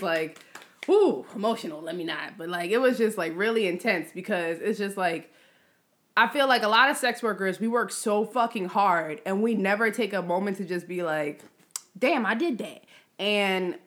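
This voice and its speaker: A woman chatting candidly and bluntly, with frequent swearing and laughter, her pace speeding up and slowing down. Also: mid-range voice, sharp tone. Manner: frank and profane, laughs often, pace shifts. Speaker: podcast guest sharing her work. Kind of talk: candid casual chat.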